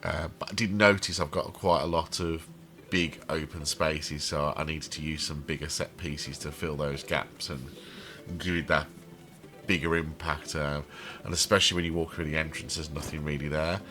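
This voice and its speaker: Speaking at normal speed with an extremely low, steady voice made throaty by a cold, a channel host rambles casually with frequent ums as he builds a theme park in a game.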